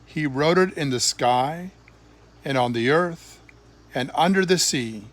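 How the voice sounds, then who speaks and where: Reading a children's Bible storybook aloud, this grandfather is expressive and measured, placing emphatic pauses between deliberately phrased lines. He is an older man whose voice runs a little high.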